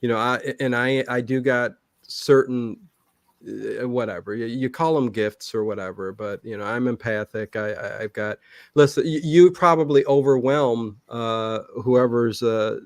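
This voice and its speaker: This livestream channel host talks a little slowly at medium pitch during an interview, rambling, emphatic, and frequently breaking off to restart his sentences. The recording is dry, with clean studio sound.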